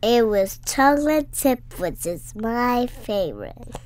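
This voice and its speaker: A woman voicing a small, innocent child who slowly and softly narrates a creepy story in a childlike way. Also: a little high, sing-song. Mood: innocent, hushed. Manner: slow, soft childlike storytelling. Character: small innocent child recalling a dark secret. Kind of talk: scripted horror story narration.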